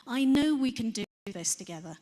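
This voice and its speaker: A woman's voice: fairly high pitch, expressive, moderate pace, dark tone. A woman from Ethiopia giving a closing speech at a conference. She is direct, plain-spoken and rallying. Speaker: conference speaker.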